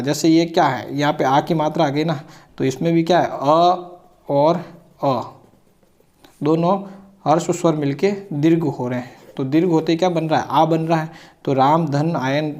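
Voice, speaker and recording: A man's voice: a little high, darkish tone. A grammar teacher who explains step by step, stretches out sounds as he writes them, and keeps asking "ठीक है ना". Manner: repetitive, checks in with "ठीक है ना"; drawn-out spelling of sounds. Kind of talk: blackboard grammar lesson.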